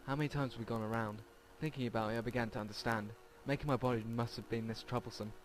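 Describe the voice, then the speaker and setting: Over game music, a mid-range male voice reads through a visual novel in a let's play, sometimes stumbling on words. The recording sounds rough.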